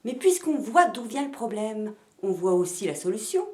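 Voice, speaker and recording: Lively teacher in an echoey room. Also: female voice, mid-range voice, moderate pace. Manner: demonstrative, rhythmic, sounding out syllables. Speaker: language teacher. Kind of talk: pronunciation lesson.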